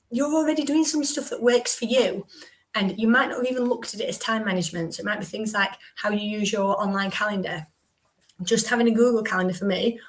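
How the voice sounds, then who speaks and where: A woman hosting a live business stream, her voice croaky from recovering, chatting with asides to her viewers. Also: medium pitch. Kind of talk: casual live-stream talk.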